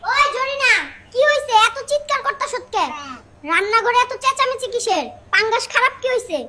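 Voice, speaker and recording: A squeaky cartoon voice doing a grumbling husband. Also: moderate pace. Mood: irritated. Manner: scolding, fed up. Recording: loud background noise.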